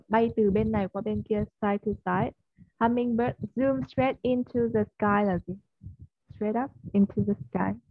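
Vietnamese teacher coaching English pronunciation. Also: female voice, mid-range voice, no echo. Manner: coaxing, keeps checking with "yes or no?" and modelling stressed words. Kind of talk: one-on-one online English lesson. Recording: slightly dull, dry audio.

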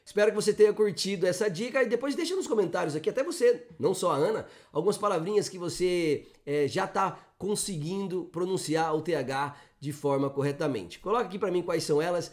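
A Brazilian man, an English teacher, explaining pronunciation in a chatty, lively online lesson and acting out examples. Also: sits high, fairly quick, hardly any pauses. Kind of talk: online English lesson answering viewer questions.

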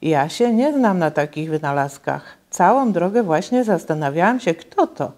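A woman voicing a cheerful, dreamy mother in a children's story read aloud, with bright exclamations. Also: on the low side, expressive, moderate pace, natural voice. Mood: protesting.

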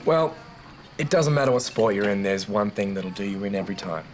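A man's voice: lowish voice, expressive, brisk, a little mellow, close to an everyday voice. Guy doing a chill aussie surf coach, middle-aged, blunt and easygoing, waves and noise behind him. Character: laid-back former pro surfer, male coach. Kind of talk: TV teen drama acting.

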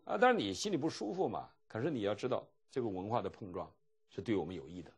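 Middle-aged guy from mainland china lecturing seminary students, lowish husky voice, acts out stories and chuckles. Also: fast. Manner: animated storytelling, acting out dialogue with chuckles. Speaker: seminary teacher and pastor.

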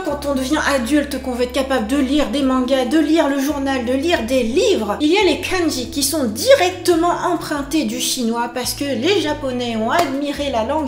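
A bubbly woman with a high, bright-sounding voice, teaching an online lesson with lots of cheerful enthusiasm. She sounds like she is in an echoey room, with faint music playing underneath. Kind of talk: upbeat video lesson.

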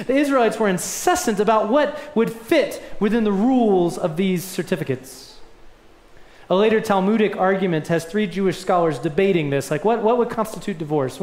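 A man's voice: sits high, a little mellow. A young man preaching a sermon in a church, earnest and emphatic, his voice swelling on key points. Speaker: pastor. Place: church sanctuary. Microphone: lectern mic. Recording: echoey church room.

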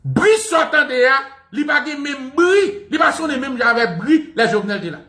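A man giving animated, satirical commentary, mocking as he talks, laughing often and imitating bangs and gunshots. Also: very high-pitched, normal speed. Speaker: online commentator. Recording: echoey room.

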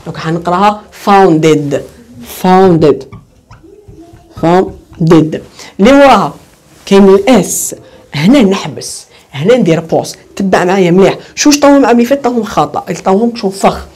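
A woman's voice: medium pitch, darkish tone. A woman with an Algerian Arabic accent teaching an online English lesson. She asks questions, answers them herself, and repeats the key words. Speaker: English tutor.

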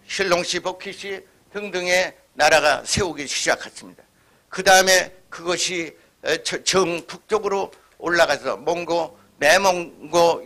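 High, bright-voiced man lecturing. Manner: emphatic, imitates regional dialect phrases. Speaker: forum lecturer. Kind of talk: history lecture.

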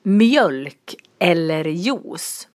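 A woman with a somewhat low voice gives a vocabulary lesson, saying each word form slowly and distinctly so learners can follow. Her voice is recorded close up in a dry room with no echo. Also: animated. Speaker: language teacher. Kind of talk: slow, clearly articulated vocabulary lesson.

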